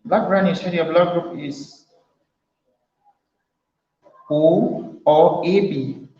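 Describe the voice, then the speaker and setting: Here the Cameroonian forum host speaks extremely slowly, with a fairly high pitch and a steady tone. Chatty and curious, he questions his guests and repeats himself often during the casual group call, in English with a Cameroonian accent. Audio is dull, mellow and roomy.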